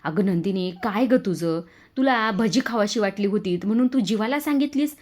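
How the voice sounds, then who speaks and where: A woman voicing a fussy, protective middle-aged mother-in-law who scolds with rapid questions. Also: mid-range voice, darkish tone, lightly acted. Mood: scolding.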